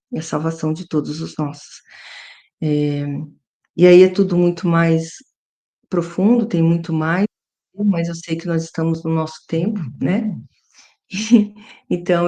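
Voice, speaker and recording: Mellow-voiced Brazilian woman, halting and humble. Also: lowish voice. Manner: halting, self-effacing. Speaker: guest speaker at a religious formation. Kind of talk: informal devotional talk.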